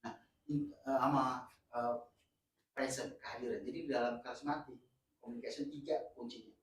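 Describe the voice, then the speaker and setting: A man teaching a communication workshop, lively and joking, switching between casual slang and formal teaching. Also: medium pitch, normal speed. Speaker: communication trainer. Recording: echoey room, mic far off, faint noise.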